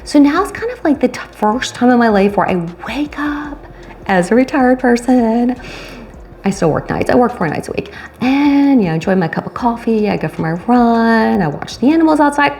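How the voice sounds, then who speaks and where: A woman in her late fifties talking casually to camera about retirement, chatty and animated, speeding through asides and slowing on key phrases. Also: on the high side. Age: 50s. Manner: chatty, animated, swings between quick asides and slow stressed phrases. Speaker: retirement vlogger and coach. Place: home room, indoors.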